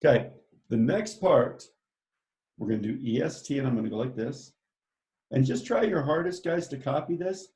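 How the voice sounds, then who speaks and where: A man's voice: mid-range voice, expressive, moderate pace, darkish tone. Chatty, enthusiastic male art teacher. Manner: enthusiastic, chatty, directs students step by step. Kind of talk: art lesson for children. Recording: echoey room.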